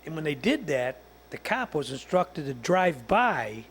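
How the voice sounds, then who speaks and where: A man's voice: on the high side, sing-song, measured pace. A man hosting a show in casual studio banter, rambling and stammering as he tells stories.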